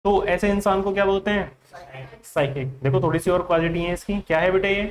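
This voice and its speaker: High-voiced Indian male teacher. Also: a little fast, slight background noise. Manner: questioning, repeats "what is it, beta?" to students. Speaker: English vocabulary teacher. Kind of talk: classroom lesson.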